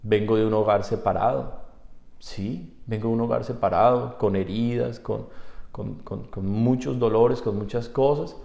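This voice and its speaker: A man's voice: lowish voice, steady tone, a little slow, creaky, mellow, reverberant. A man, a pastor, preaching a sermon in earnest, moving from personal testimony to fervent exhortation of his congregation. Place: church.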